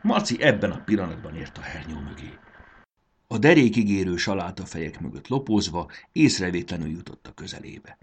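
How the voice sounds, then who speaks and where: Husky, very animated male storyteller. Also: sits low. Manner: expressive, animated reading. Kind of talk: children's story narration.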